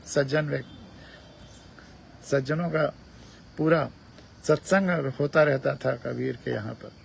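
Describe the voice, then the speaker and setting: A man giving a measured spiritual discourse, repeating phrases for emphasis as he explains a teaching. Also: on the high side, gravelly, slight background noise. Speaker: spiritual speaker.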